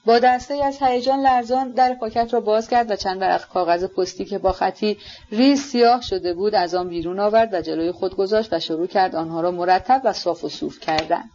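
Woman audiobook narrator, mid-pitched, steady measured reading, slightly dull lo-fi sound. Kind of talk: scripted narration of a novel.

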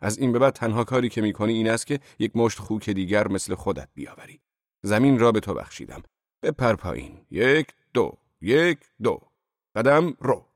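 A man's voice: lowish voice, big pitch swings, slightly rough, dry recording, studio quality, voice pushed up, full character voice. A man voicing a grumpy, irritable male creator god who barks scornful commands in a told tale. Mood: barking.

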